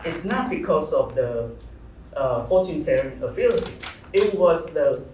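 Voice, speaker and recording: Man from taiwan, artist talk, slow and halting, heard from off-mic in a roomy hall. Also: on the high side, lively intonation, darkish tone, recorded from a distance. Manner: halting, searching for words, many fillers and restarts. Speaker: visual artist giving a talk. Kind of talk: artist talk presenting slides. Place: large gallery hall. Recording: echoey hall, speaker off-mic, faint room noise.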